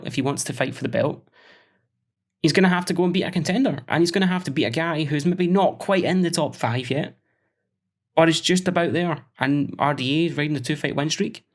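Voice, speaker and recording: A man hosting a solo podcast, thinking aloud with many fillers and self-corrections as he talks through fight matchups. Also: a little high. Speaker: podcast host.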